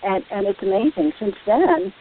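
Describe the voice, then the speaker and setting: Earnest woman caller, husky, tinny phone sound. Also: medium pitch, animated, normal speed. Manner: earnest, repeats words. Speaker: participant. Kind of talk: sharing on a group call.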